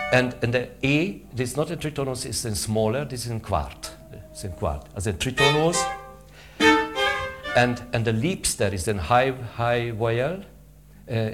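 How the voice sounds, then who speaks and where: A man coaching string players in rehearsal, halting with fillers, switching between English and French and vocalizing sounds to demonstrate. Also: medium pitch. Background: string instruments playing.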